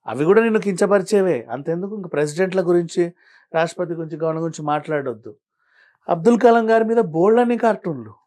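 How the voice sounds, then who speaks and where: A man answering as an interview guest, arguing his point with a stream of pointed rhetorical questions and shifting from calm explaining to heated. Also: high voice, fast talker. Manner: argumentative, fires rhetorical questions. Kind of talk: studio interview.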